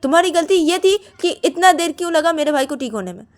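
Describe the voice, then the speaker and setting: A woman doing a shrill, scolding young sister. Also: takes it slowly. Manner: shrill, scolding, repeats her questions. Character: angry young woman, sharp-tongued protective sister.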